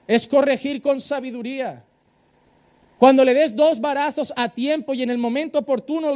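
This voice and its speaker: A man with a Spain Spanish accent preaches a sermon as a pastor. His voice sits unusually high for a man, and he delivers it animatedly, acting out the people he quotes. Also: a little mellow.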